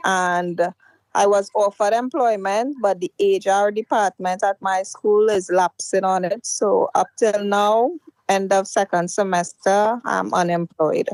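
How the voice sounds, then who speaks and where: A woman's voice: mid-range voice, steady tone, unhurried, darkish tone, no echo, poor audio. A young woman from Trinidad calling into a live show, explaining her situation in detail. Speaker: caller.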